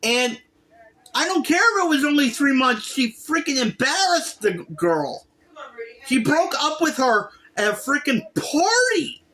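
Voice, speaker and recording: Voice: high-pitched, big pitch swings, unhurried, bright, forceful tone, poor audio. A commentator on a casual opinion rant, speaking in an exasperated, emphatic way and repeating points for stress. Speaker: reaction video commentator.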